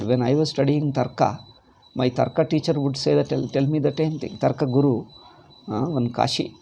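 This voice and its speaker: A Vedanta teacher with a South Indian accent delivers a scriptural lecture, quoting Sanskrit and offering commentary. His medium-pitched voice is gravelly and dark, with a little hiss or hum in the recording. He explains emphatically, repeating points and posing rhetorical questions.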